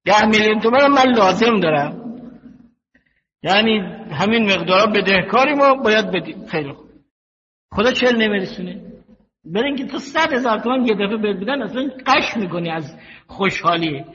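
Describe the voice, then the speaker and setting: High-voiced older man preaching in a hall. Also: lively intonation, pushed and bright, a little hiss or hum. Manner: slow, measured teaching with stories and quotations. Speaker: cleric. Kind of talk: religious sermon. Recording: dull lo-fi recording in a reverberant hall.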